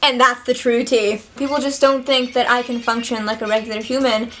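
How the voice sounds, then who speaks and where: A woman's voice: fairly high pitch, steady tone, a little fast, fairly bright tone, soft background music. A young woman answering viewer questions in a casual vlog, candid, chatty and earnest. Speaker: vlogger.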